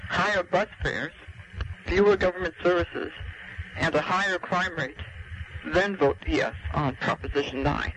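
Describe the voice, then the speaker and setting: A man leaving an earnest, emphatic political message as a caller to a comment line, with a reproving manner. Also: high voice. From lives in California. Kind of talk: earnest political argument, partly prepared. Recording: noisy recorded phone message. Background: clear background noise.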